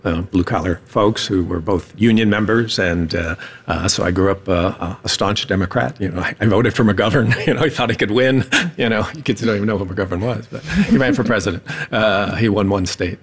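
A man in his seventies, speaking haltingly with many pauses as a panelist in a discussion. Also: fairly low pitch, breathy edge. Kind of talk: casual discussion.

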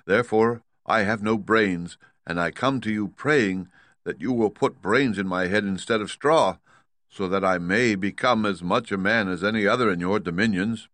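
A man's voice: lowish voice, moderate pace, fairly bright tone, dry recording, lightly acted. A man voicing a humble, earnest male scarecrow in a storybook reading.

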